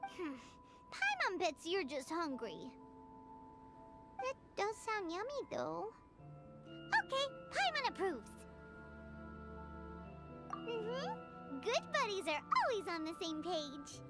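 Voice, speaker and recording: A woman voicing a small, cheeky, excitable fairy companion with a squeaky childlike voice in a video game. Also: slow pace, long pauses, exaggerated voice. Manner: refers to self in third person, exclamatory. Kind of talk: video game character acting. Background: music.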